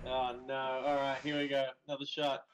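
A man's voice: medium pitch, completely flat delivery, brisk, background noise. A man as a guest player, mocking and swearing in casual gaming banter.

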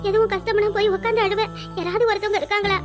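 A woman's voice: very high voice, fairly even intonation, racing, over loud music. A woman voicing a weary, devoted village mother of three in a cartoon, with a southern Tamil accent from Tirunelveli, scolding and coaxing her children. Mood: tender. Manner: scolding then tenderly coaxing, dialect endearments. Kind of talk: cartoon voice acting.

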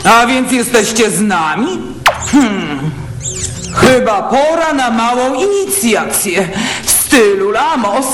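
A woman's voice: on the high side, lively intonation, slow pace. A woman voicing a suspicious, bullying henchwoman with a drawling, menacing manner in a dubbed cartoon. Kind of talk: animated series dub acting. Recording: echoey, music behind.

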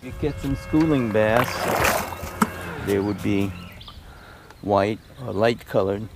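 An older man chatting calmly while fishing from a boat on a pond, giving brief, dry remarks. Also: fairly low pitch, takes it slowly. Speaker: fishing guest. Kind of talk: casual chat while fishing. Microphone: action camera on the boat. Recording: outdoor camera with clear background noise.

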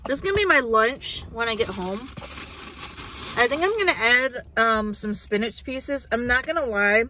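Her voice is on the high side, pushed and bright with lively intonation at a normal speed, and the recording carries a slight hiss or hum. She's a food vlogger in her twenties reviewing a meal from a parked car on a dashboard phone camera, casually peppering her speech with "like" and "um."

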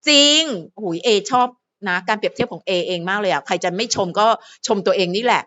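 A woman's voice: mid-range voice, quick pace, sharp tone, muffled recording. A woman hosting her own fan channel, chatting playfully to viewers and to herself in a casual solo vlog.

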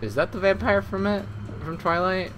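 A young gamer talking excitedly and laughing while playing a game with friends. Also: mid-range voice, normal speed, a little hiss or hum. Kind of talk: casual gaming chat.

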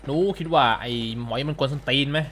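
A man role-playing a crude, teasing old uncle in a game, trading quick coarse banter. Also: mid-range voice, steady tone, fairly bright tone, a little hiss or hum. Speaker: streamer playing a character.

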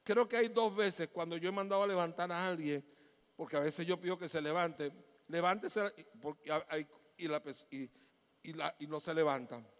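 Middle-aged Venezuelan male pastor, animated storyteller, high-pitched, preaching in a reverberant church hall. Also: moderate pace. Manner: animated storytelling, acting out dialogue. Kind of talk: sermon.

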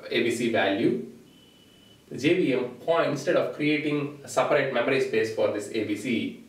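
A Telugu-speaking programming instructor with a medium-pitched voice gives a whiteboard tutorial lecture in a small indoor room. He explains steadily, pointing at the board. Captured by a distant camera mic, his voice sounds far off with a roomy echo.

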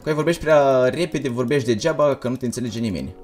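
A young man livestreaming a game, talking fast and energetically while reading out chat messages. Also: medium pitch, darkish tone, faint music behind. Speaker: gaming livestreamer. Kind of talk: casual livestream commentary.

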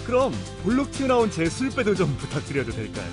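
A man's voice: sits high, huge pitch swings, fast. A man narrating a TV magazine segment in a playful way, exclaiming and reacting with surprise. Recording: over loud background music.

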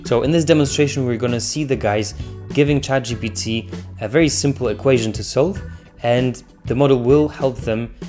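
A man's voice: medium pitch, normal speed, darkish tone, faint music behind. Chatty man hosting a tech video. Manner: chatty, joking asides. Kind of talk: casual commentary.

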